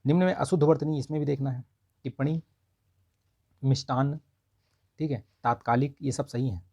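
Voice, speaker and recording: A man's voice: mid-range voice, normal speed, a little mellow, no room sound. A man who tutors for exams and goes through answers one by one in a casual spoken lesson, saying "ठीक है" often. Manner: explains answer by answer, says 'ठीक है' often. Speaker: Hindi exam tutor.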